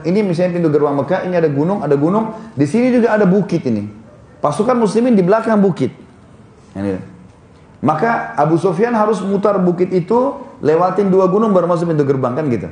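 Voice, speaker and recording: A man's voice: high-pitched, a little mellow, echoey room. A man preaching in a casual storytelling way, pointing out places on a drawing and correcting himself as he goes. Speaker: Islamic preacher. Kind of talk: storytelling religious lecture.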